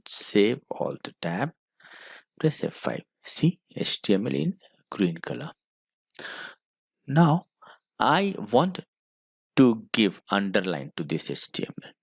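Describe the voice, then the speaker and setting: A man's voice: lowish voice, vocal fry, no echo, studio quality. A man with an Indian English accent teaching a school computer class, dictating code step by step. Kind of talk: screen-recorded coding lesson.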